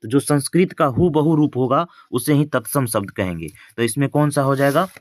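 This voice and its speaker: A man teaches exam grammar in a mid-pitched voice, close to a dry microphone. He asks each question twice and then answers it, keeping a casual classroom tone. The sound is plain and close, with no room echo. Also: moderate pace. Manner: casual teaching with English filler words. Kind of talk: exam-prep grammar lesson.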